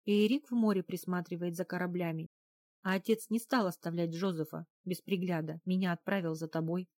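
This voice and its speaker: Audiobook narrator, woman, mellow low-ish voice, dry close sound. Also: fairly even intonation, brisk, dry recording. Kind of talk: first-person audiobook narration.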